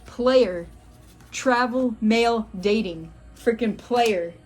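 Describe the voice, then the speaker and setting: A woman's voice: medium pitch, a little slow, faint music behind. A woman giving a tarot reading to her viewers, exasperated, muttering and swearing between cards. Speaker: tarot reader.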